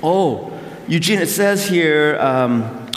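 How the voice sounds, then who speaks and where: A middle-aged man, born in South Korea, delivers a conversational sermon full of gentle self-deprecating jokes and thoughtful pauses. His voice rings through a big hall with a long, lingering echo. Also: fairly high pitch, lively intonation, heavy background noise. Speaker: pastor. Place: large hall. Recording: echoey hall with long reverb.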